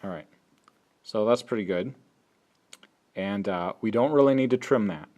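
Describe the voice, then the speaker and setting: Deep-voiced man, teacher walking through an app tutorial plainly. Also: normal speed, darkish tone. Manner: plain step-by-step explaining, thinks aloud. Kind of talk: screen-recorded app tutorial.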